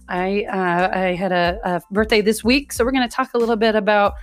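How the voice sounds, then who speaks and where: A woman in her forties hosting her own podcast, chatting casually and directly to her listeners with a hoarse, scratchy voice from a recent illness. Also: mid-range voice, fairly even intonation, fairly quick, faint music behind. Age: 40s. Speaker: podcast host. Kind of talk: casual solo podcast monologue.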